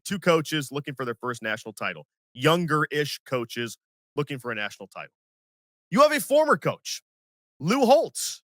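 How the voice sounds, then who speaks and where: A man in his forties with a bright, forceful voice and a slightly high pitch, hosting a sports podcast. He tells his stories in an animated, self-mocking way and puts on other people's lines as he goes. The sound is dry and close. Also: no room sound. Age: 40s. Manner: animated, self-mocking storyteller who acts out quotes. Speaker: podcast host. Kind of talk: casual sports podcast storytelling.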